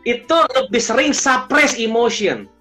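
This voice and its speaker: A man who coaches emotional intelligence, explaining in an animated, conversational way and mixing English phrases into his speech. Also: extremely high pitch, unhurried, soft background music. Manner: lively storyteller, mixes English phrases into speech.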